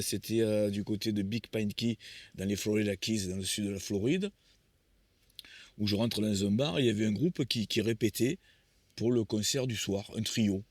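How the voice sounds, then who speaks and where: A man's voice: on the low side, darkish tone, dry recording. A man in his sixties, a musician being interviewed, telling anecdotes in a rambling way with many restarts. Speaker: musician guest. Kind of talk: conversational storytelling interview.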